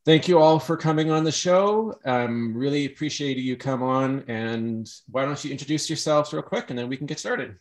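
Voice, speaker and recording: Halting male podcast host. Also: mid-range voice. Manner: halting, many restarts and fillers. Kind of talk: casual podcast chat.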